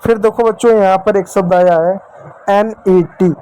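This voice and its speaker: A man's voice: high-pitched, fairly even intonation, moderate pace, dark tone, clean tone, poor audio. A man teaching English spelling and phonics in Hindi, asking questions and answering them himself, repeating each step and calling his viewers dear children.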